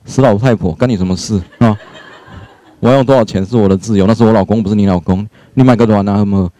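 A man's voice: on the low side, fairly even intonation, fast talker, warm tone, pitched below the performer's own voice, lightly acted. A man playing a resentful young wife. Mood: indignant. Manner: muttering retorts, indignant. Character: resentful young wife, woman, snapping back.

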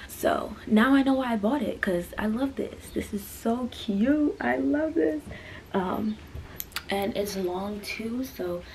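A woman's voice: fairly high pitch, a little hiss or hum. A twenty-year-old woman rambling casually through a clothing try-on haul, full of fillers and asides, filmed in a small bedroom. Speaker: fashion vlogger. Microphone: camera on a stand, mid-distance.

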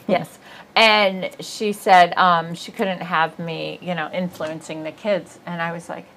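She's a chatty comedian host from Ohio with a bright voice and Midwestern American accent, laughing through bawdy stories in a casual comedic chat while seated on a small studio set. Her voice sits on the low side, slow and steady in tone, with a little hiss or hum in the audio.

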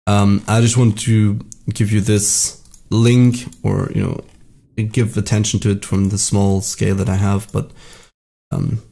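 A man's voice: fairly low pitch, level tone, a little slow, gravelly, mellow. A man hosting his own gaming channel, talking with a sick, strained voice in a rambling, self-deprecating way with many restarts. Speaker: video game channel host. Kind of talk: casual commentary to camera.

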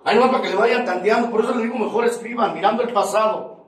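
A man's voice: high-pitched, fast. A man with a Mexican accent giving a heated, profane, confrontational testimony at a recovery group meeting. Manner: profane, confrontational, preaching rant. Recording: very echoey room, far from mic, noisy.

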